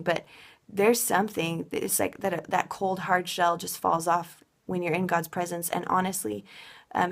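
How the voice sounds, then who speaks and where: Earnest woman with a gravelly low voice. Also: a bit bright. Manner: earnest, heartfelt, frequent ums. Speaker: dance teacher giving an update. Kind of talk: casual personal update.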